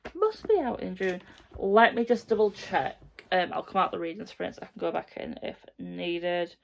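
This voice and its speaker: A young woman with a croaky, gravelly edge to her lowish voice chats through a reading update at home. She rambles and corrects herself as she goes, in a relaxed vlog manner. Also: moderate pace. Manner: rambling, self-correcting chat. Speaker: reading vlogger. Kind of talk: casual reading update to camera.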